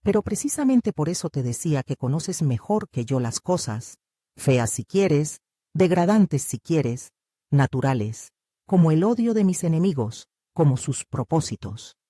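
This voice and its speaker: Serene, firm male teacher, voiced by an audiobook reader: dark and husky, with lively shifts of pitch. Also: no echo, clean studio sound. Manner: calm, firm, measured. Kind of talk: audiobook reading.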